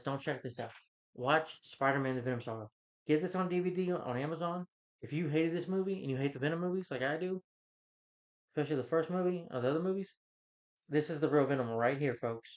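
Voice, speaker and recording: A man with a fairly high voice rants angrily as a film reviewer. He is blunt and scornful, hammering his points with repetition. The recording is dull and lo-fi. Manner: angry ranting, scornful and emphatic. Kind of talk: opinionated review rant. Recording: dull lo-fi audio.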